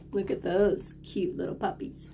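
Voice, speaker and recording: A woman reads a children's picture book aloud in a teacherly way, using simple, deliberate phrasing and prompting young listeners to join in and repeat words. Her voice is mid-range and mellow, with a little hiss or hum behind it.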